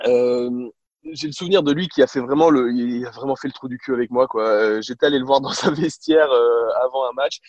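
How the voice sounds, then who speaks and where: A man speaking his native French tells stories quickly and animatedly, stumbling through fillers and restarts. His voice is husky and dry, with no room sound, and the recording is slightly dull. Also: medium pitch, a little mellow, no room sound. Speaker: guest, former basketball reporter. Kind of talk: casual interview storytelling.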